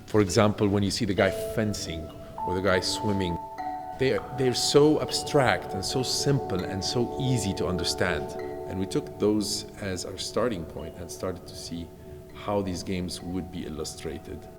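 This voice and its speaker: A man from Egypt speaks with a very low voice, walking through his design project in a calm, explanatory way. The room adds a long reverb tail. Music plays clearly underneath him. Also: normal speed. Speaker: architect. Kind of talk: documentary interview.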